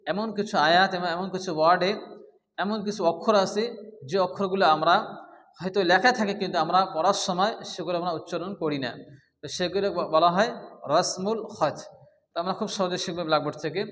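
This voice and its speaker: A man's voice: high-pitched, in a large hall. A man teaching Quran reading in a patient, step-by-step blackboard lesson, who explains each point and then asks the class questions.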